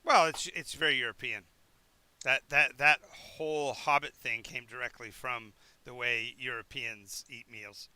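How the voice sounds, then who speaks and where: A man's voice: mid-range voice, steady tone, a little slow, bright, forceful tone, clear, resonant tone, no echo. A man running a tabletop game on a live stream, rambling through descriptive narration with restarts. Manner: chewing while talking. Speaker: game master.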